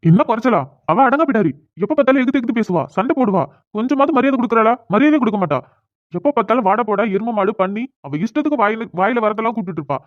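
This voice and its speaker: A man's voice: sits high, animated, fast, no echo. A man voicing a sulky, stubborn young husband who protests and pleads in a cartoon, recorded with a thin, phone-like sound. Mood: indignant. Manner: whiny, protesting, exasperated. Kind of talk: cartoon voice acting. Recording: dry, phone-like narrow sound.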